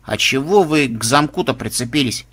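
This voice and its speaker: A man voicing a calm, clever young woman in an audiobook, matter-of-fact. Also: mid-range voice, normal speed, breathy edge.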